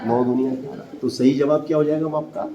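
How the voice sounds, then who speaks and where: A man's voice: a little high, steady tone, a little fast, highs cut off, crowd noise. A man teaching a maths lesson to a classroom of students, repeating each step and quizzing them with questions. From central India.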